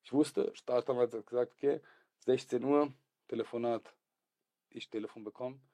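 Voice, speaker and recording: A young man, originally from Serbia, tells his life story as a podcast guest. He talks in street slang, drops to hushed whispers and then bursts out loudly. His voice sits at an ordinary pitch in a dry, close recording. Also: fairly even intonation, moderate pace, no room sound. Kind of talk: animated storytelling in a podcast interview.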